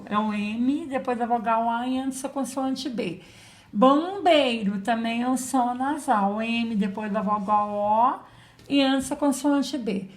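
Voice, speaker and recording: A woman teacher giving a patient children's lesson, spelling out letters and sounds. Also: a little high. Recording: echoey room.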